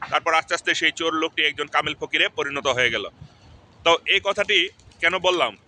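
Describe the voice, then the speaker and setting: A man with a very bright, forceful voice, pitched a little high, talks through a poem and tells a parable at a measured pace. Faint street noise sits behind him. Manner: measured storytelling with fillers. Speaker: poetry lecturer.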